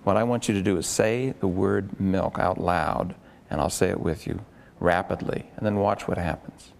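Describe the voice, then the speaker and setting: A man working as a therapist in a live demonstration before a group, coaching a client with quick probing questions and repeated words. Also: deep voice, steady tone, gravelly, darkish tone, slight background noise. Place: room with an onlooking group.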